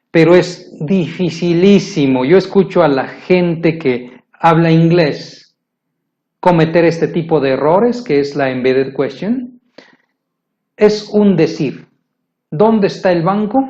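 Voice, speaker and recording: A man teaching English grammar to viewers, explaining patiently and repeating himself, slowing down to spell out the English example phrases. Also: on the high side, darkish tone, muffled recording.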